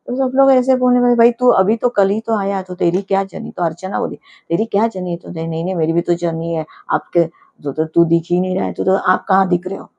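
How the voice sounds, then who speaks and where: A woman's voice: on the low side, steady tone, a little fast, creaky, a little mellow, lo-fi sound. A woman casually recapping a reality show episode, indignant at times and retelling scenes through quoted lines.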